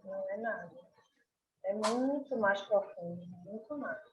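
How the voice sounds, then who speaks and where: A woman's voice: medium pitch, unhurried, slight background noise. A woman from Pernambuco, Brazil, a guest artist telling an emotional story in a live-stream chat, with frequent tag questions. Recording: dull lo-fi stream audio.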